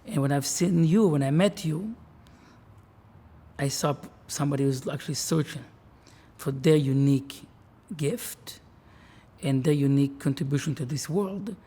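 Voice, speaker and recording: A man's voice: fairly high pitch, mellow, breathy edge. A man, a rabbi talking earnestly and reflectively in an interview. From Israel. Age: 40s. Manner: earnest, measured, with restarts.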